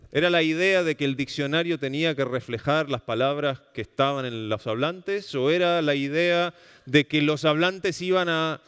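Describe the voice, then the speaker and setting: A man's voice: fairly high pitch, clear, resonant tone. Argentine man lecturing in a hall. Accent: Rioplatense Spanish. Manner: animated, questioning the audience often. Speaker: speaker giving a public talk on language. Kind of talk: public lecture. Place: lecture hall at a cultural center. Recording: long reverb of a hall.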